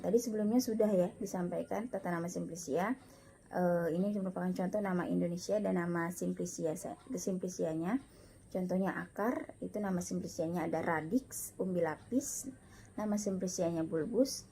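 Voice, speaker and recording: A woman lecturer giving a recorded lesson, slow and patient, repeating each example aloud. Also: lowish voice, mellow, slight background noise. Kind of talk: recorded lecture on Latin pronunciation.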